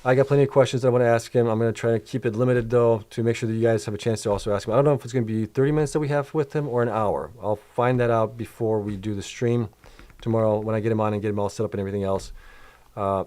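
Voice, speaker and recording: A middle-aged man chats loosely on a late-night livestream, answering viewer questions with plenty of fillers and restarts. His voice is fairly low and warm, with a mellow tone. It sounds worn out from a long session. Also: steady tone, fast. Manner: loose and rambling, many fillers, reads chat aloud. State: voice getting worn out. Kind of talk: casual livestream chat.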